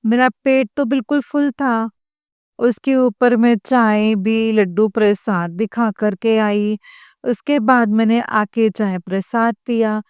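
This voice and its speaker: A woman shares a devotional testimony, telling her story haltingly and often pausing to address her listeners respectfully. Her voice is fairly high, smooth, darkish in tone and fairly even in intonation, with no room sound.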